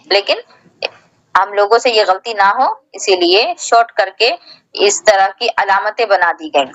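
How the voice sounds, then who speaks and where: A woman's voice: a little high, a bit bright, dry recording, muffled recording. A woman teacher giving a religious lesson, patiently explaining each term and restating it in simpler words. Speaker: Islamic teacher.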